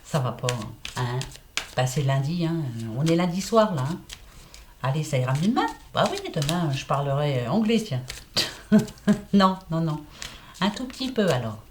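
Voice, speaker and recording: A woman's voice: low-pitched, lively intonation, moderate pace, pauses often, a little hiss or hum. A woman giving casual card-reading guidance, chatty and repetitive, with a slight lisp. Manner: chatty, repeats herself, fillers like hein and voilà. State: lisping slightly. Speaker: oracle card reader.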